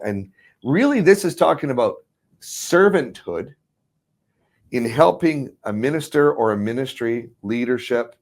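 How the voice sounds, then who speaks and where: A man teaching about ministry in casual chat, rambling with restarts and frequent chuckles. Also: mid-range voice.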